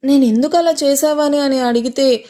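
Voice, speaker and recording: A woman's voice: high voice, steady tone, normal speed, dark tone, voice pushed up, close to an everyday voice. A woman voicing a scheming young woman who speaks sarcastically and plays innocent. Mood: fake innocent.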